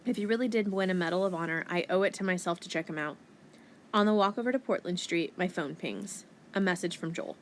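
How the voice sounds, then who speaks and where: A woman reading a first-person audiobook in a wry, expressive teenage-girl voice. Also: lowish voice, fairly quick, slight background noise. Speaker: audiobook narrator.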